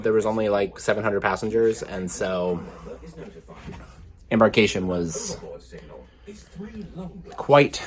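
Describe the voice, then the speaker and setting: A man's voice: medium pitch, a bit bright. A slightly out-of-breath man vlogging casually from a ship cabin, rambling with many ums. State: a little out of breath. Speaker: travel vlogger. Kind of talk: casual vlog to camera.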